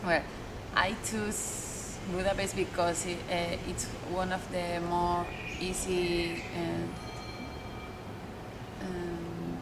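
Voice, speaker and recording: Slow, halting Spanish-accented young woman. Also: lowish voice, flat delivery. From Spain. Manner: halting, searching for words. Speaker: Erasmus exchange student. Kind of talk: casual interview answers. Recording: distant mic with loud traffic noise.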